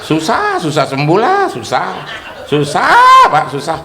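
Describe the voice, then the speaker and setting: Guy doing a whiny businessman always groaning things are hard, loud and gravelly. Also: sits high, wildly swooping pitch, slow pace, very noisy, voice pushed up, full character voice. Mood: whiny complaining. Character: grumbling male businessman who always complains times are hard.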